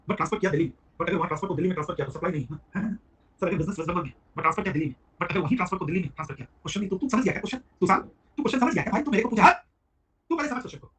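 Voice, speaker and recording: Fast-talking man teaching a class. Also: sits high, lively intonation, fairly bright tone, breathy edge. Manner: rapid, chatty, addresses students by name. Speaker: GST teacher. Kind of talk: live online class lecture.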